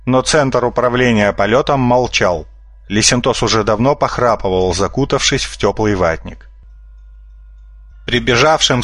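A man reading a humorous children's storybook aloud as narrator in an even, storytelling manner. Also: medium pitch, dry recording. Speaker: audiobook narrator. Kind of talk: scripted narration.

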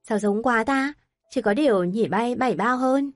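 A woman's voice: on the high side, moderate pace, no echo, soft background music, natural voice. A woman voicing a fussing old grandmother. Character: elderly grandmother, fussing and blunt.

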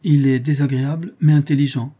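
Cool ironic young woman in a storybook, guy reads her, clipped, dark husky tone. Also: fairly high pitch, fairly even intonation, a little fast, voice pushed up, lightly acted.

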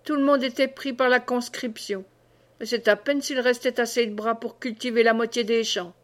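Brief: woman reader as a grave old peasant man, plain and steady, fairly high voice, storybook reading. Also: moderate pace, lightly acted. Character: old peasant man, bitter about past.

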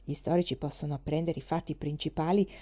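Mellow woman reading a novel aloud. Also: sits low, steady tone, quick pace, muffled recording. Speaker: reader.

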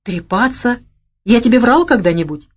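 A woman's voice: on the high side, animated, normal speed, voice pushed up. A woman doing a hot-tempered gangster man. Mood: gruff. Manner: gruff, boastful, blustering. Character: gruff young gangster man, quick-tempered.

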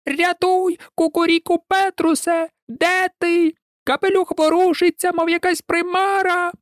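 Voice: extremely high pitch, flat delivery, a little slow, dry recording, studio quality, pitched above the performer's own voice. A reader voicing a flock of frantic hens in a storybook, shrieking in panic. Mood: panicked.

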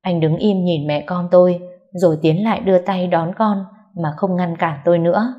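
A woman narrating a first-person story in a soft, sorrowful reading voice. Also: lowish voice, fairly even intonation, moderate pace, highs cut off. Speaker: audiobook narrator.

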